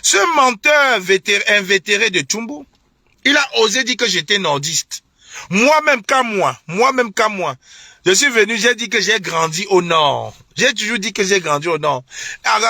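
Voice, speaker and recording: A man's voice: high voice, expressive, normal speed, pushed and bright, dry recording, studio quality. A young man from Cameroon, ranting on a live stream with indignant, repetitive, mocking talk and scornful laughs. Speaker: online political commentator. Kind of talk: heated live-stream rant.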